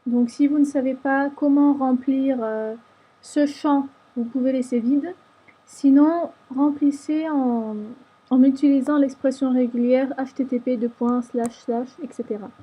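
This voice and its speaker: A woman narrating a screen-recorded software tutorial, explaining each step patiently. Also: high voice, steady tone, unhurried, slightly rough. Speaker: tutorial maker.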